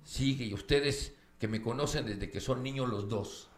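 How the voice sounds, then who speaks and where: A man telling a story in casual conversation, expressive and animated, sometimes acting out the voices of characters. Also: medium pitch, moderate pace. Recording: echoey room with faint noise.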